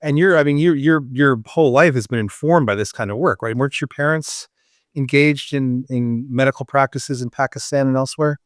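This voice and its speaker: Male podcast host, clear voice, close dry mic, loose casual delivery with restarts. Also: medium pitch, a little fast, no echo. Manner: conversational, many fillers and restarts. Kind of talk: casual interview chat.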